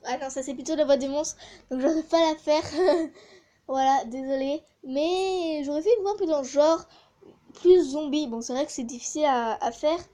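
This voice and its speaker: A chatty woman talks casually for her gaming channel. Her voice sits high but sounds mellow and warm. She pauses often to hesitate as she thinks. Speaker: gaming YouTuber testing a voice changer app. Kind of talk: casual vlog commentary.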